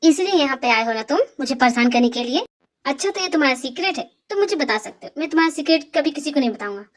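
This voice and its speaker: A woman's voice: sits high, animated, fast. A woman voicing a chatty, teasing young man friend in an amateur fan dub.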